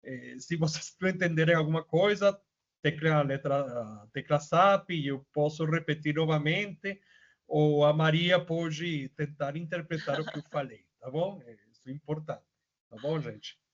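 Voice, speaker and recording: A Venezuelan-accented man gives an online webinar presentation over a video call, casual and chatty with lots of fillers and tag questions. His voice is fairly high and a little slow, and the audio is muffled, dull and lo-fi.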